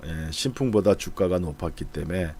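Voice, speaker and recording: A man's voice: low-pitched, normal speed, a little mellow, slight background noise. A middle-aged man, chatting through stock charts to his viewers, thinking aloud with fillers. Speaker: stock market commentator. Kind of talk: casual market commentary over charts.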